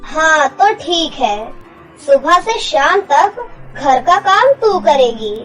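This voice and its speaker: A woman's voice: high-pitched, big pitch swings, slow, a bit bright, soft background music, exaggerated voice, low-quality recording. A woman doing a cruel scolding stepmother. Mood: harsh scolding. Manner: harsh, scolding, threatening. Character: cruel bossy stepmother, middle-aged woman.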